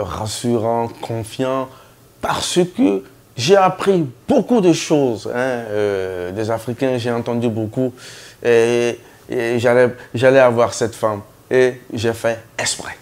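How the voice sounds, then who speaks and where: A man telling a comic story with many fillers, animated, putting on high voices for the people he quotes. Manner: slow, hesitant delivery with many fillers.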